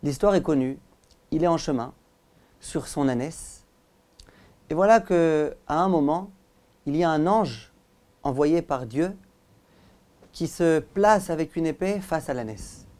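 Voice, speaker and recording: A rabbi and teacher with a slightly high voice gives a religious lesson as animated storytelling. He uses dramatic pauses and speaks directly to his listeners.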